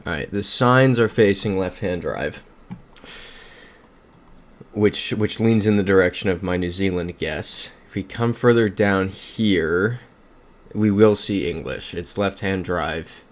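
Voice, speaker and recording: A young man streams casually from a home room at a desk mic, offering upbeat livestream commentary while thinking aloud and reading out chat messages. His voice sits low, and he speaks at a slow pace.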